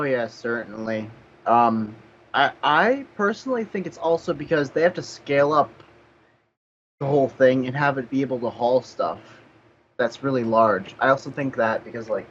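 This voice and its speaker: Man, podcast co-host, lively up-and-down voice, rambling, jokey, curses casually, dull lo-fi sound. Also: medium pitch, a little hiss or hum. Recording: slightly muffled lo-fi audio.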